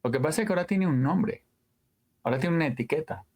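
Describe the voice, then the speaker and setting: In a casual interview, a male audio engineer guest tells stories with animation, sprinkling in sound words and trailing side remarks. He talks fast with a fairly high-pitched voice.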